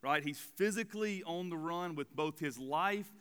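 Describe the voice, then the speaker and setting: A man, a student pastor preaching a sermon in a conversational, relaxed way with many fillers. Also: fairly high pitch, normal speed, clear, resonant tone. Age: 40s. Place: church sanctuary. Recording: long hall reverb of a church.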